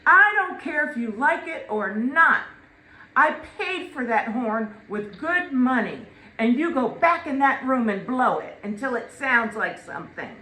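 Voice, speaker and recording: A blunt, no-nonsense mother acted out by a woman speaker scolds her child. Her voice is raised and emphatic, fairly high, and rings in an echoey room. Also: lively intonation, a little slow, sharp tone, heavily acted. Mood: indignant scolding. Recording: echoey room with faint noise.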